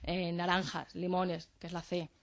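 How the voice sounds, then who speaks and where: A woman on a radio show explaining how to care for the voice, now and then demonstrating whispers and pitch changes. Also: little pitch movement, unhurried, creaky. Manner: demonstrates voice techniques, whispering examples. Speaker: voice coach guest. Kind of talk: radio chat giving vocal advice. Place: radio studio.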